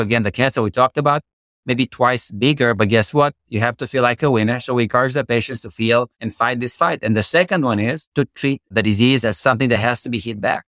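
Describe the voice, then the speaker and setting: A middle-aged man with a Romanian accent speaks with conviction, stacking rhetorical questions and vivid analogies. His voice sits at a middling pitch, and the recording is close and dry with no room sound. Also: a bit bright, no echo. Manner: passionate, uses boxing analogies, rhetorical questions. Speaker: guest cardiologist. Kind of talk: podcast interview, expert explanation.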